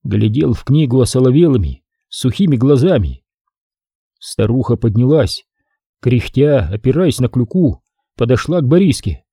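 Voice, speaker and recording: A man narrates a historical novel in a measured, dramatic reading, his voice very dark and husky. His pitch moves in lively arcs with the story. The close-miked recording is completely dry, with no room sound. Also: dry recording. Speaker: audiobook narrator. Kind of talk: scripted narration.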